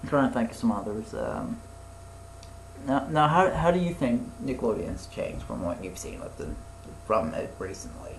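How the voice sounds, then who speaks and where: A young man talks loosely on a casual podcast, drifting between thoughts with plenty of ums and the odd swear. His voice sits at a middling pitch, and the room around him is echoey with a faint hiss underneath. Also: very animated, moderate pace. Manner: rambling, loose and profane, with many fillers. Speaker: podcast co-host. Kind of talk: casual chat.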